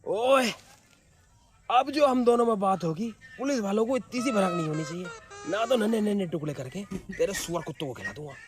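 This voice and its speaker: A man playing a hot-tempered, swearing village father in a comic spoof, gruff and loud. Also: extremely high pitch, expressive, moderate pace. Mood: menacing. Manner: gruff threats and coaxing, loud calls. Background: music.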